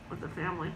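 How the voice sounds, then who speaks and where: A young woman vlogger chatting casually to camera while eating, talking through a mouthful of food. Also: fairly low pitch. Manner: chatty, filler-heavy, offhand. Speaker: mukbang vlogger. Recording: echoey room with clear background noise.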